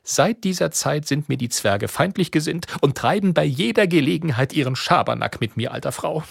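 A man reading aloud, voicing a grumbling, sly old witch in a husky, put-on high voice. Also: lively intonation, moderate pace, no echo, studio quality, heavily acted.

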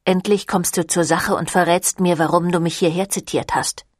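A woman's voice: on the low side, fairly even intonation, normal speed, dry recording, lightly acted. Woman reader as a defensive young vampire man who just wants a normal life, dry close sound. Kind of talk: audiobook reading.

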